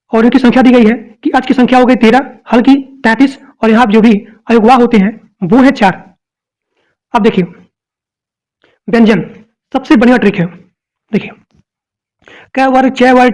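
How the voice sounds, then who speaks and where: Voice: medium pitch, darkish tone, rough recording. A teacher giving an exam-prep lecture, explaining each point and repeating it while speaking directly to the students.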